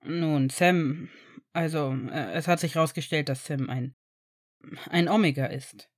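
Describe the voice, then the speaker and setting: A woman voicing a kind male village doctor who speaks gently and soothingly, with a few hesitations. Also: low voice, fairly even intonation, measured pace, dry recording, studio quality, voice pushed down.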